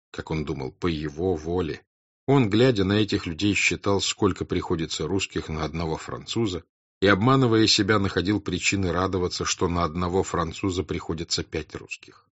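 A man narrating a classic novel as an audiobook in a measured, grave, deliberate reading style. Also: sits low, no room sound. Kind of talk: scripted literary narration. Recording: dry, dull lo-fi recording.

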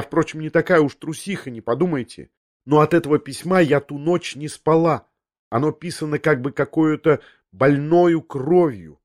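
A man's voice: a little high, natural voice. A man voicing an agitated, tearful noblewoman. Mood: imploring. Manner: breathless, restless, half talking to herself. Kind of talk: audiobook character voice.

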